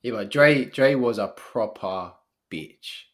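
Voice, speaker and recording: A man's voice: on the low side, slow, fairly bright tone. Blunt slangy man chatting. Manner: blunt, slangy, drops into mock voices. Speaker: podcast co-host. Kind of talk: casual chat.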